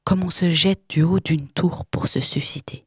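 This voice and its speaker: Low, husky female audiobook narrator. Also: darkish tone, dry recording, studio quality. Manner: measured, dramatic, often dropping to a whisper.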